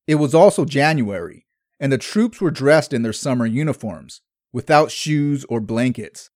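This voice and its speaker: A man's voice: medium pitch, no echo. Man narrating history, dry close sound. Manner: measured, steady storytelling. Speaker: history podcast host.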